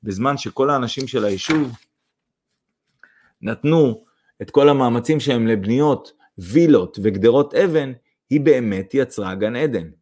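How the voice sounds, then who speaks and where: A man narrating a story aloud in a steady, measured reading voice. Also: medium pitch.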